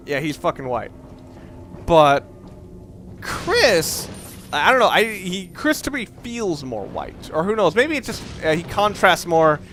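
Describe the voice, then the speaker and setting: A man with a fairly high, somewhat bright voice gives unscripted let's play commentary on a video game, rambling, swearing and using plenty of slang. Background noise is clearly audible.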